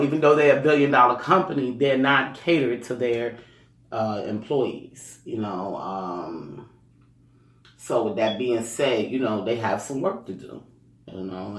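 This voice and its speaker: A man giving casual motivational talk, rambling with lots of "you know" and "um" and chuckling between points. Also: medium pitch. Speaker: speaker sharing life advice. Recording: roomy echo, distant mic.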